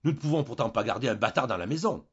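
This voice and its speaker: Male reader as an angry proud husband, loud and exasperated, husky, muffled sound. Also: fairly low pitch, sing-song, fast, heavily acted. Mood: furious. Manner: shouting, exasperated.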